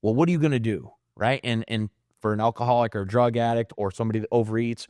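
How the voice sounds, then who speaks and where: A middle-aged man hosting a podcast, talking in a relaxed, conversational way and often checking in with right. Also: medium pitch, fast talker, no echo, studio quality. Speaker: podcast host. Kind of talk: casual conversation.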